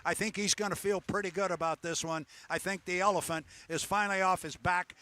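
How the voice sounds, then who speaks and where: A man calling a boat race live as the play-by-play commentator, getting excited and shouting at the finish. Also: high-pitched, fairly quick.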